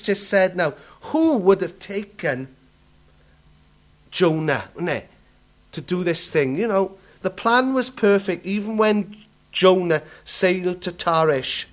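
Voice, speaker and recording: Slow-paced male preacher, repeats himself, leans on rhetorical questions. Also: fairly high pitch. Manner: restarts and stumbles over words. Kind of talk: sermon.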